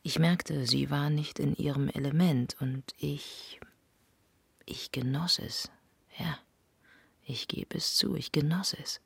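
A woman's voice: low voice, fairly even intonation, slow pace, creaky, breathy edge, no room sound. A woman delivering a literary first-person monologue in an intimate, often half-whispered voice. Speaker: narrator.

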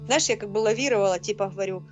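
A woman from Ukraine talking on a video call, rushed and halting, full of fillers and restarts. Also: mid-range voice, music in the background. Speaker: interviewee. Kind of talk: casual talk on a video call.

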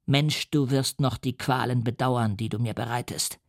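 A man's voice: mid-range voice, steady tone, normal speed, vocal fry, no echo, clean studio sound, lightly acted. A male audiobook reader voicing a lonely, wronged creature who turns vengeful, speaking in a choked, menacing voice. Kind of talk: audiobook reading.

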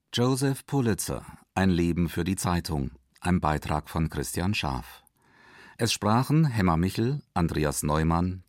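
A man's voice: low voice, no room sound, studio quality. A man formally announcing a radio program's closing credits. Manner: formal, listing.

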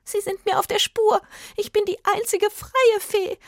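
A woman's voice: a little slow, dry recording, clean studio sound. A woman voicing a small, frightened female fairy in a read-aloud storybook. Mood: panicked. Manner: high, breathless and excited.

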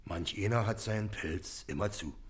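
An actor playing a timid river boatman who gives nervous, evasive answers in a husky, mumbling voice in a radio play. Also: fairly low pitch, normal speed. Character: timid, jumpy river boatman, middle-aged man.

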